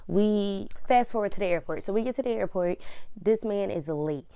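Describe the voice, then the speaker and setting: A woman's voice: mid-range voice, animated, normal speed, warm tone, clean tone, no room sound. Blunt, profane young woman telling a story. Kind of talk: casual storytime chat.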